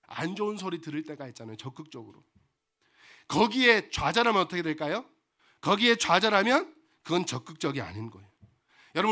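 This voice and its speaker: A man's voice: sits high, pushed and bright. A man preaching a sermon as pastor, asking the congregation rhetorical questions and repeating phrases for emphasis.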